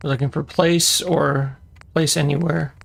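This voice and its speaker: A man giving casual commentary while playing a game, muttering to himself with frustrated asides and quick self-corrections. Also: a little high, steady tone, creaky. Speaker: gaming video creator.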